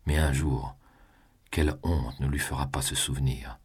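A man voicing a proud young prisoner facing execution, musing in a low, subdued voice. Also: moderate pace, a little mellow, husky, exaggerated voice. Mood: brooding.

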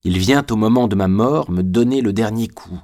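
A proud, anguished young man in a prison cell, read by a male narrator. His voice is low and near the narration, bitter and intense. The voice belongs to a storybook character. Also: moderate pace, darkish tone, lightly acted.

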